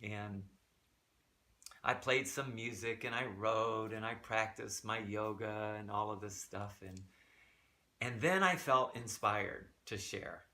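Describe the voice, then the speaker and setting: A man with a bright, forward voice speaks softly and earnestly in a reflective personal vlog. He takes his time and sounds sincere as he shares a story. He is recording in a small, quiet room he set aside for reflection. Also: lowish voice. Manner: soft, unhurried, earnest. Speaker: vlogger.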